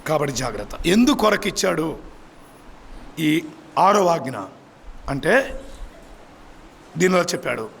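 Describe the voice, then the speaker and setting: Emphatic gravelly pastor preaching. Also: male voice, on the high side, sing-song, takes it slowly, long pauses, a bit bright, a little hiss or hum. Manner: emphatic, questions the congregation. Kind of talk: sermon. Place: church.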